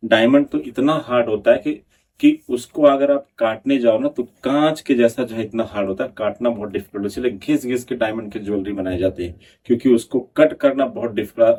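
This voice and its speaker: Husky-voiced man teaching, slightly off-mic. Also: mid-range voice, a little mellow, distant mic. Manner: reads English notes slowly, then explains in Hindi; asks the class questions and answers them himself. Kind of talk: exam prep lecture.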